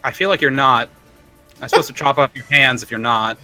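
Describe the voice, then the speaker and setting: A man voicing a blunt, suspicious Goliath woman guard in a tabletop game, speaking in a deadpan manner. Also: medium pitch, a little fast, soft background music. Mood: deadpan suspicion.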